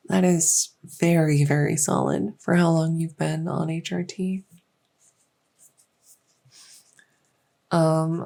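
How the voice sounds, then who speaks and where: In an ASMR medical roleplay, a woman with a fairly low voice plays a small insect-folk clinician. She's soft-spoken, hesitant and matter-of-fact, with a focused, encouraging mood.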